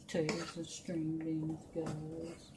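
A woman's voice: low-pitched, completely flat delivery, slow. A woman in her home kitchen chatting casually as she walks viewers through each step of a recipe. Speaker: cooking vlogger. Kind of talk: casual cooking tutorial. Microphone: camera on the counter. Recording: noisy home video.

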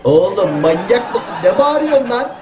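A man's voice: very high voice, very animated, moderate pace, noisy background. A man doing a cheeky wisecracking talking dog. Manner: streetwise, joking, exasperated. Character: cheeky slangy talking dogs, male and female. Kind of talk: comedy voice-over dubbing of pet videos. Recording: voice-over with loud background music.

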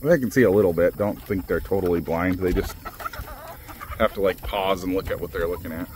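A man's voice: low-pitched, fairly quick, noisy background. A man hosting a farm vlog, chatting casually and rambling with fillers while filming outdoors. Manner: relaxed, rambling, lots of fillers. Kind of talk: casual chat while doing chores. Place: outdoors on a ranch among chickens and cows.

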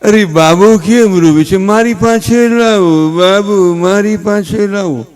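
A man voicing a young mother who fusses over her crying baby in a slow, coaxing sing-song. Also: high-pitched, darkish tone, clear, resonant tone, pitched above the performer's own voice. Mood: fussing.

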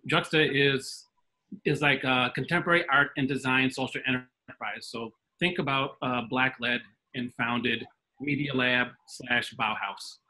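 A middle-aged man from the Midwest of the US speaks over a video call in a bright, forceful voice, running through lists fluently and crisply. His pitch sits in the middle of the male range. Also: poor audio. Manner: fluent, listing things crisply. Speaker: panelist, arts organization founder. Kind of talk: self-introduction on a video call. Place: home room with framed posters. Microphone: video call webcam.

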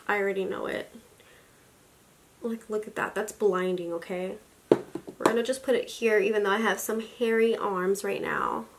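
Sitting at her desk in a small home room, a twenty-something beauty vlogger chats excitedly about a makeup haul, with lots of likes, fillers and exclamations. Her mid-range voice is captured by a camera at desk distance, with slight hiss or hum.

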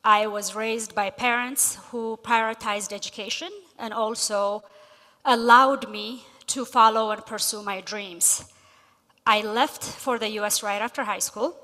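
A middle-aged woman from Ethiopia delivering a prepared speech on stage, measured with emphasis on key words. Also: on the high side, sharp tone. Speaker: guest speaker. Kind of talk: prepared speech read from notes. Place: large convention hall stage. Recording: long reverb of a big hall.

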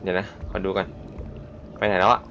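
A man's voice: a little fast, fairly bright tone. A man streaming a horror game, muttering tensely to himself and yelping when startled. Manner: tense whispery muttering, sudden startled yelps. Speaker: gameplay streamer. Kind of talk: live reactions while playing a horror game. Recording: dull lo-fi sound with faint hiss.

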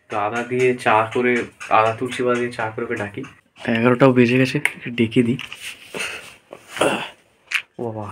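A man's voice: mid-range voice, slight background noise. A man, chatting casually to camera in a village home vlog, coaxing and narrating his chores. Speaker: vlogger. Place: rural home, indoors and outdoors.

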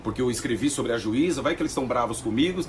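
A Brazilian man rants in vlog commentary, slangy and defiant. He talks very fast with wide, lively pitch swings. A faint hiss sits under his voice. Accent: Brazilian Portuguese. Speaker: vlogger reacting to a TV clip. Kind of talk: ranting commentary.

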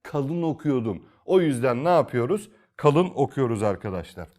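A man's voice: mid-range voice, sing-song, normal speed, darkish tone. A man teaching Quran reading in a recorded lesson, asking himself questions, repeating key phrases and drawing out example recitations.

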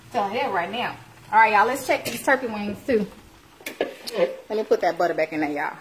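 Lively woman cooking live in her kitchen. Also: mid-range voice, brisk, a little hiss or hum, poor audio. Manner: lively, playful, churchy exclamations, talks to viewers as y'all. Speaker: home cooking show host. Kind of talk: live cooking stream chat. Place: home kitchen, indoors. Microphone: phone camera, moving between close and across the kitchen.

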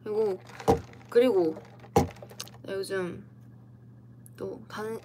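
In a very noisy indoor livestream, a young idol streamer with a Korean dialect drags out her words in a mid-range voice with fairly even intonation. She stays playful and giggly while casually answering viewers through her computer mic.

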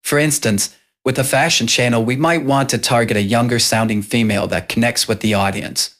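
A man hosting a casual software tutorial, explaining step by step. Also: mid-range voice, steady tone, a little fast. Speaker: tutorial host.

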